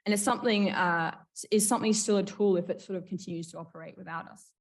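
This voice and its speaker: A woman's voice: on the low side, fairly even intonation, quick pace. Woman presenting from a distance. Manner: casual, frequent fillers like "like" and "sort of". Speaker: conference presenter. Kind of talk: academic conference talk. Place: university function room. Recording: distant mic in a function room.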